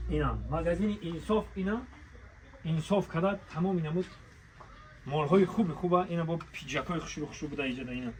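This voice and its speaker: Crowd noise fills this poor-quality recording of a male shop promoter with a Tajik accent and a slightly high voice. Walking through a large clothing shop, he presents deals in spontaneous, bazaar-merchant fashion, repeatedly urging people to come, look and buy.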